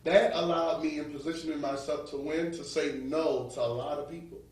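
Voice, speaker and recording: Higher-voiced New York-accented man, very echoey room. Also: fairly even intonation, fairly quick, crowd noise. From New Orleans. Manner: preacherly, emphatic, often checks listeners follow with "right?". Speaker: interview guest. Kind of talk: motivational storytelling in an interview. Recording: very echoey room, distant microphone.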